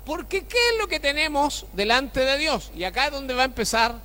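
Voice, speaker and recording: A high-voiced male pastor preaches in a lively, sharp tone. He keeps asking his congregation rhetorical questions, and his voice rings through a church hall with long reverb. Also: moderate pace. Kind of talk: sermon.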